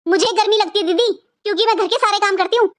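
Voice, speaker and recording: A woman's voice: very high voice, fast talker. A woman voicing a scheming, bossy young sister-in-law in a cartoon, nagging and taunting. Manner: nagging, taunting, sharp-tongued. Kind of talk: cartoon voice acting.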